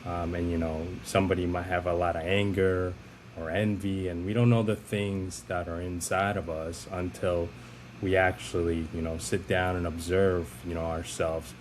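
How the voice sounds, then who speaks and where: A male podcast host with a very low voice asks long, wandering questions. He builds them loosely, circling before he lands. Faint noise hums behind him. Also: flat delivery, normal speed. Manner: rambling, loosely built questions. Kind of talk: interview questions.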